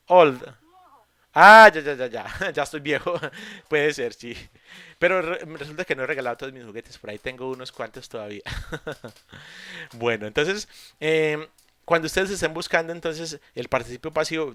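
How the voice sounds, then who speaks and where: A man teaching English in an online class, explaining patiently step by step with pauses and fillers. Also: medium pitch, pushed and bright, no room sound. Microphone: computer mic on a video call.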